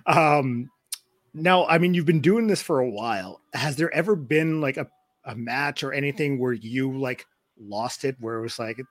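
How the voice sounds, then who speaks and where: A man hosting a podcast interview, relaxed and a bit hesitant as he asks questions. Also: mid-range voice, moderate pace. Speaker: podcast host. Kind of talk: casual interview chat.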